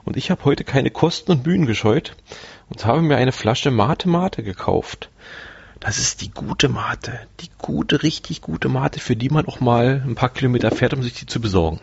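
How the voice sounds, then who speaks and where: A man's voice: medium pitch, animated, moderate pace, vocal fry, breathy edge, no room sound, muffled recording. A man talking through a voice morphing filter, trading dry teasing jokes in a casual podcast chat.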